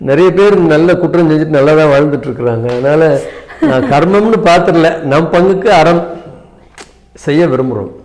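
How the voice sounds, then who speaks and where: A man's voice: a little high, darkish tone. Hesitant man in his seventies. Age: 70s. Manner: measured, hesitant with many fillers; mixes in English phrases. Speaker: interview guest. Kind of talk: reflective interview talk.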